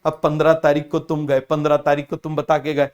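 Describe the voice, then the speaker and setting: Young male biology tutor, a bit high, lively, keeps quizzing students, acts out skits. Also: a little fast, smooth, lo-fi sound. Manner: lively, asks the class often; acts out family scenes in other voices. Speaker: teacher. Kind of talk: biology lecture with comic examples.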